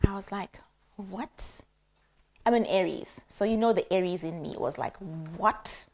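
A woman's voice: fairly low pitch, fairly quick, gravelly. A young South African woman with a South African accent, casually telling a personal story while cooking, acting out the people she quotes. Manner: animated, acts out quoted voices, mixes in isiZulu. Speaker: cooking vlogger.

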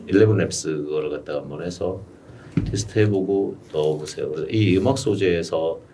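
This middle-aged YouTube coach talks in a low register at a fairly quick clip, patiently and steadily explaining things to a client during a one-on-one consultation in a small studio room. He's picked up from afar by a stand-mounted desk mic, with faint room noise.

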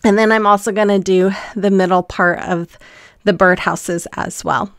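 A woman's voice: medium pitch, fairly even intonation, moderate pace, smooth, dry recording, clean studio sound. A woman hosting a casual craft tutorial voice-over, chatty and rambling with frequent ums and restarts. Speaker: craft channel host.

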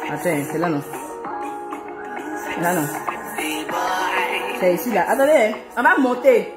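A woman's voice: mid-range voice, big pitch swings, a little slow. A woman, chatting playfully and joking as she breaks into song, a little out of breath. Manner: playful, chatty, breaks into sung worship lines. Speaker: singer. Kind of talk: casual chat with singing. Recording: echoey room with music behind.

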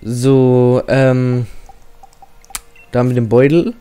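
A man's voice: medium pitch, little pitch movement, slow, mellow, clear, resonant tone, faint music behind. Casual, slangy young man playing a game. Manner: casual and slangy, reads game text aloud. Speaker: gaming channel host. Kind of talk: let's-play commentary.

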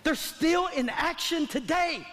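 A crowd can be heard in the background as a male pastor with a very high voice preaches slowly on a large church auditorium stage indoors. His sermon is emphatic, colloquial and repetitive, calling for response, and the stage sound system adds a long hall reverb.

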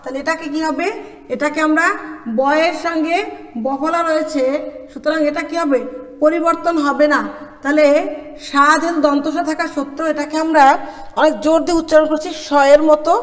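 A woman with a high voice teaches pronunciation in a classroom style from Bangladesh, slowly stressing sounds and posing questions she answers herself. Her voice rings through a roomy space with a long reverb tail. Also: steady tone. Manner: slow, emphatic, asks questions then answers them. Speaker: college Bangla lecturer.

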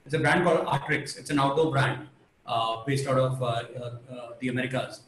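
A middle-aged man, answering interview questions haltingly as a company co-founder on a video call. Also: medium pitch, a bit bright. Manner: hesitant, halting. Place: indoor room, video call. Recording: echoey room on video call.

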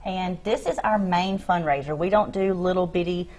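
A woman's voice: on the low side, moderate pace, darkish tone. A woman, a school parent association president speaking upbeat on a TV interview, on a lapel mic. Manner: upbeat, promotional. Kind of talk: TV studio interview. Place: TV news studio set, seated.

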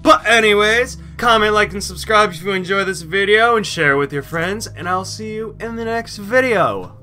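A man giving jokey, excitable let's play commentary and swearing freely. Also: high-pitched, normal speed, soft background music. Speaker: gaming video host.

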